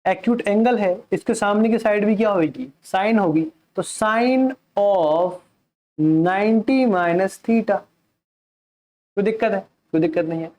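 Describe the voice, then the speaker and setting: Male math tutor, unhurried lecture delivery with a warm tone that drops English terms into his Hindi. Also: high-pitched. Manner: keeps asking the class questions and answers them himself. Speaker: math teacher.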